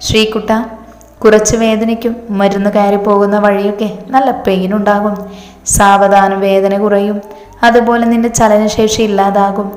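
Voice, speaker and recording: A woman's voice: medium pitch, flat delivery, normal speed, a little mellow, roomy sound, big-room sound, natural voice. A woman voicing a bitter vengeful mother. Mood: scornful grief. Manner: scornful, grief-stricken.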